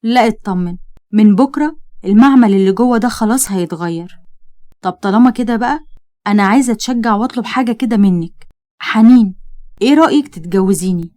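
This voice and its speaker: A woman's voice: medium pitch, fast talker, mellow, natural voice. Bossy young Egyptian cousin, as a woman reads him. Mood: tender. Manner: scolding, threatening. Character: bossy protective young man, her cousin.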